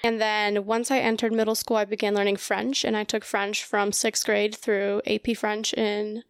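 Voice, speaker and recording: An American woman in her early twenties from Colorado, a graduate student, chats informally as a podcast guest in a casual interview, often dropping in "like." Her mid-range voice is smooth, with a flat delivery and moderate pace. The recording is clean studio sound with no room sound.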